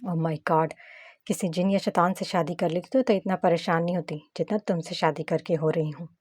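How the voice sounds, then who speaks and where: Audiobook: a woman reading a hot-tempered young wife and agent, sharp-tongued, dry close sound. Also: fairly low pitch, fairly even intonation, normal speed, breathy edge, no room sound. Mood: bickering.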